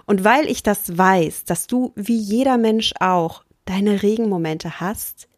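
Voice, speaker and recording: A woman coach speaks in an earnest, emphatic way, pitching a motivational course in a mid-range voice. She slows down for emphasis and sometimes sinks into a soft whisper. The recording is close and dry, with no room sound. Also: dry recording. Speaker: life coach.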